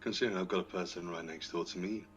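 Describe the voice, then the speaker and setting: A man's voice: low-pitched, steady tone, very fast, a bit bright. A man playing a tabletop game, talking in casual role-play, with some noise and hum on his recording. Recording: clear background noise with hum.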